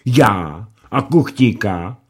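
A man's voice: lively intonation, breathy edge. A man reading an audiobook, voicing a fat, fussy male ship's cook who grumbles indignantly. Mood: indignant grumbling. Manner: fussy, indignant, pitch jumps high.

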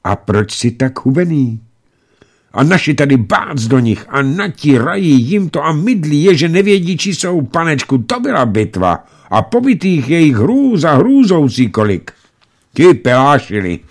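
A man's voice: mid-range voice, sing-song, pitched above the performer's own voice. A man voicing a scrappy, wary young village boy who talks bluntly and suspiciously. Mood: excited.

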